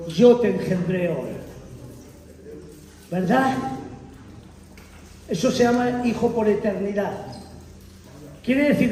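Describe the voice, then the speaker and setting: Male preacher, very high voice, lively and emphatic, distant in a reverberant church hall. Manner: animated, emphatic, addresses congregation as brothers. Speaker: visiting preacher. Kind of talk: sermon. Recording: echoey hall, mic far off.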